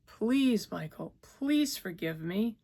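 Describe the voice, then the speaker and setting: A woman's voice: on the low side, unhurried, vocal fry, darkish tone. Distraught young woman on the edge of collapse, begging through tears, read by a woman. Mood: pleading. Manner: pleading, tearful, raised voice.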